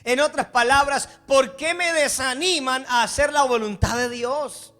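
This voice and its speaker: High, bright-voiced preaching man. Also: a little slow. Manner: impassioned preaching, acts out the people he quotes. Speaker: pastor. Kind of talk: sermon.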